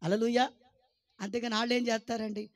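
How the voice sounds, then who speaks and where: With a very high-pitched voice and a quick pace, a pastor rouses his congregation through a lively sermon full of rhetorical questions and calls for praise. He jokes at his listeners' expense, and there's no room sound at all.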